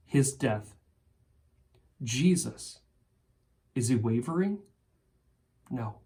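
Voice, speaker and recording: A man preaching a sermon as pastor, earnest and emphatic, often dropping to a soft, quiet voice and voicing heartfelt prayers. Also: a little high. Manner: acts out heartfelt prayers in first person.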